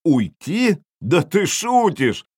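A man voicing a boastful viking chief who shouts insults at his enemy. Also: mid-range voice, very animated, normal speed, no room sound, studio quality. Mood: mocking. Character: boastful mocking male viking chief, taunting.

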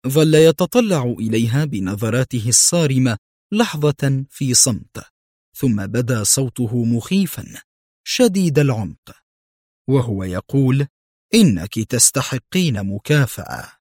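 A man giving measured, dramatic audiobook narration. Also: mid-range voice, expressive, warm tone, no room sound, studio quality.

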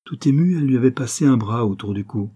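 A man reading a novel aloud in a measured, dramatic narrating voice. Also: medium pitch, lively intonation, warm tone, breathy edge. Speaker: audiobook narrator. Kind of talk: literary audiobook narration.

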